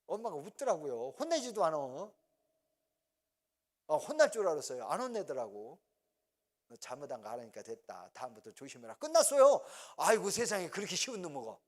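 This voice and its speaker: A middle-aged male pastor preaching a sermon, telling family stories with laughter and acting out his parents' voices. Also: sits high. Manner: storytelling, acts out parents' voices, laughs often.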